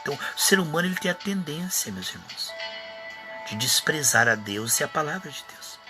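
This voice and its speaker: A man with a Brazilian Portuguese accent preaching a live sermon as a pastor, mimicking whiny churchgoers in high voices. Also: lively intonation, fairly quick, music in the background.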